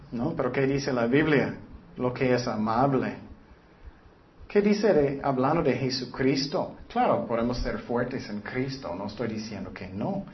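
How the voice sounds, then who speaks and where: A man's voice: on the high side, slight background noise. Earnest man preaching, lo-fi sound. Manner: earnest, asks the listeners rhetorical questions. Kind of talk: sermon. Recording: dull lo-fi recording.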